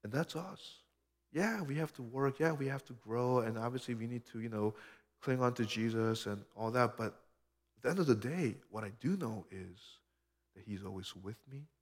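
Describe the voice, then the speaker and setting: A man from Korea, around his thirties, giving a sermon as a pastor in an earnest, conversational way that often drops to a soft hush. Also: mid-range voice, moderate pace. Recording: long hall reverb.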